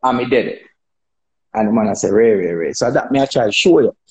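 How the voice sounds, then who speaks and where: A man with a Jamaican accent chatting on a phone livestream, telling animated stories, laughing and acting out dialogue. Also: medium pitch, fast. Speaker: dancehall artist on a live stream. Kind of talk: casual chat on a livestream.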